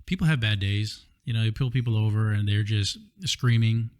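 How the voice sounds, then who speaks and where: Male podcast host from Hawaii, ex-cop, slightly low voice, easygoing and reflective, studio mic. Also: moderate pace, clean tone. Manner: relaxed, reflective, with frequent fillers. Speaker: podcast host, former police officer. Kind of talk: casual podcast conversation. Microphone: studio microphone.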